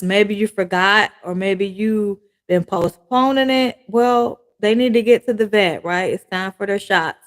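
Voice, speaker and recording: A woman doing a casual oracle card reading for her viewers, chatty and loose, often tagging phrases with "right?" and circling back to repeat herself. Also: mid-range voice. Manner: loose, repetitive phrasing with fillers and restarts. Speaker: tarot and oracle card reader.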